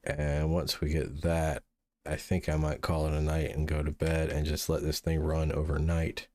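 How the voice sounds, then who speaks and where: A man hosting a gaming channel, musing through relaxed gameplay commentary and sounding sleepy. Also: extremely low pitch, moderate pace, no echo, clean studio sound. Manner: mellow, musing, thinks aloud with restarts. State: sleepy, yawning.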